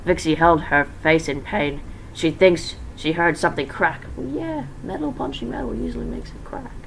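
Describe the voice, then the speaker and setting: Gravelly and mid-range, this voice moves at a normal speed as an amateur fan fiction reader stumbles through a casual, informal dramatic reading. Self-correcting asides pop up along the way, and the home recording is noisy and amateur.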